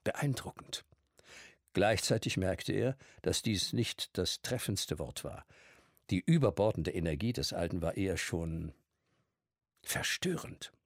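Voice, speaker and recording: Deep, gravelly male audiobook narrator. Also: unhurried, no room sound, studio quality. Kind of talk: scripted narration of a novel.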